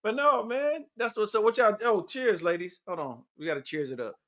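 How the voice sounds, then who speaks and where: A man's voice: high voice, moderate pace, a bit bright. Laid-back joking man in casual chat.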